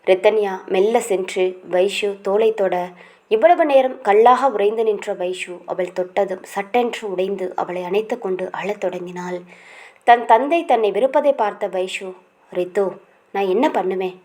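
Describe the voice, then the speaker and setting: A woman narrator reads a romance novel aloud, leaning into the drama of each scene. Her storytelling cadence is expressive and even. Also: mid-range voice, moderate pace. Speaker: audiobook narrator.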